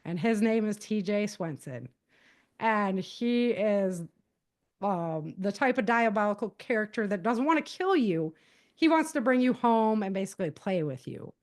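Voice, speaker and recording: This American woman gives an informal spoken rundown of her own books, the way an author might on a podcast. Her storytelling is loose and chatty, her tone animated, and her pitch sits in the middle of the female range.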